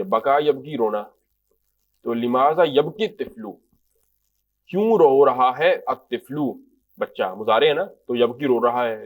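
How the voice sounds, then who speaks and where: A man giving an Arabic grammar lecture in Urdu, reading out example phrases and translating them patiently line by line. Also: medium pitch. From Pakistan. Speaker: Arabic language teacher.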